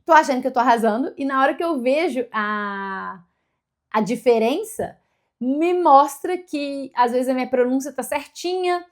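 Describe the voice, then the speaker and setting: A woman, chatting casually to camera in a vlog and often correcting herself mid-sentence. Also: high voice. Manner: chatty, self-correcting, upbeat. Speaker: vlogger.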